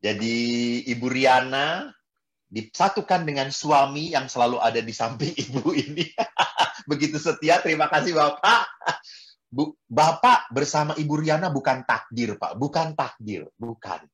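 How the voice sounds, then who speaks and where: Expressive male priest preaching. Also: a little slow. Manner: expressive, wide swings in pitch and loudness; drops in English phrases. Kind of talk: sermon to a prayer group.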